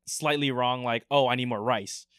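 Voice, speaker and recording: A young man hosting a casual podcast chat, laid-back and quick to laugh. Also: medium pitch, no room sound, studio quality. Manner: laid-back, laughs often, relaxed asides. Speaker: podcast host.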